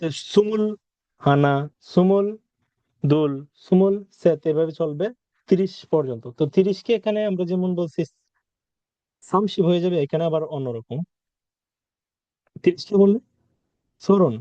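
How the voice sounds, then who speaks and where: A man with a fairly high but mellow voice teaches a vocabulary lesson. He talks patiently, repeating words and asking the listener questions. The sound is dry and a little dull, as on a lo-fi recording. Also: moderate pace, pauses often, no room sound. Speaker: Korean language teacher.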